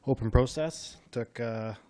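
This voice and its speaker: A man giving public comment at a council meeting, halting with fillers, thanking the council. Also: medium pitch, warm tone, clean tone. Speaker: citizen speaking at council meeting. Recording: distant from the microphone.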